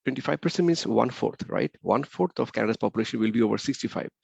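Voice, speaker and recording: Speaking fast in a medium-pitched, gravelly, darkish voice, a webinar presenter moves through slides in a blend of English and Bengali, repeating key points and asking rhetorical questions. The computer mic on the video call gives dull, slightly muffled audio without any room sound.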